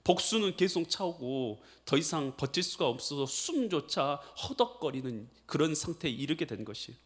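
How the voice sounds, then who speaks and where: A man preaching a sermon as pastor, swinging between loud pleading outbursts and low, hushed passages. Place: church sanctuary.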